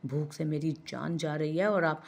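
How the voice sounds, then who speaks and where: A woman's voice: deep voice, steady tone, moderate pace, gravelly. A woman voicing a pregnant young wife who insists and whines to get her way. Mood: tearful. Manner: insistent, whiny.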